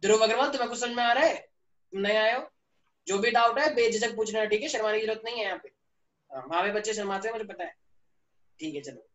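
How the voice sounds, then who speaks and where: A man's voice: high-pitched, fast, fairly bright tone, muffled recording. Male online-class teacher, jokey storyteller who teases pupils; roomy echo, distant mic. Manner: playful, teasing, storytelling with students. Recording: echoey room, voice from a distance.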